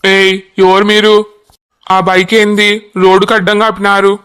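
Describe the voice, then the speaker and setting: A man's voice: high-pitched, level tone, moderate pace, a bit bright, clear, resonant tone. A voice artist voicing a strict, scolding male police officer in a cartoon. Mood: stern. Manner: scolding, commanding.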